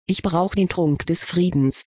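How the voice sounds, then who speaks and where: A haunted teenage wizard, pleading and shaken, as a reader puts him on. The voice is husky and breathy with a steady middle pitch. It sounds dry and close, like an audiobook recorded in a small booth. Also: a little slow, no echo. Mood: desperate. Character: distressed teenage boy wizard, haunted and desperate. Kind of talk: audiobook reading of a story.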